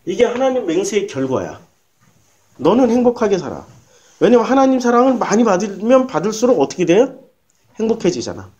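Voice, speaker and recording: Lively high-voiced man preaching. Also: a little fast. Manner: asks the congregation questions and answers them himself; acts out short quoted lines in a dropped voice. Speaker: pastor. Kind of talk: sermon.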